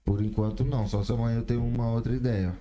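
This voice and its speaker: Slangy man, dark voice. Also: medium pitch, quick pace, faint music behind. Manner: slangy, laughs often, animated when telling stories. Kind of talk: casual chat.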